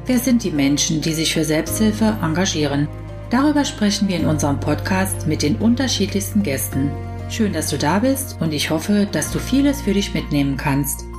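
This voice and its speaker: A woman hosting a podcast, asking her guests gentle, measured questions. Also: lowish voice. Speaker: podcast host. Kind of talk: podcast interview.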